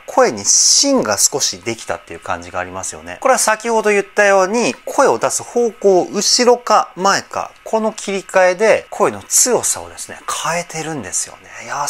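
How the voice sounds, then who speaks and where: A man's voice: fairly high pitch, sing-song, fairly quick, few pauses, a bit bright. A man working as a voice trainer, giving a casual, admiring analysis of singing and explaining patiently with many fillers. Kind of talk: casual vocal analysis commentary.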